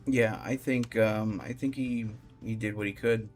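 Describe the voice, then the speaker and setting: A man's voice: lowish voice, fairly even intonation, unhurried, a little mellow, soft background music. A man hosting a stream, chatting casually with hesitant fillers. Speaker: streamer and host. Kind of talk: casual chat.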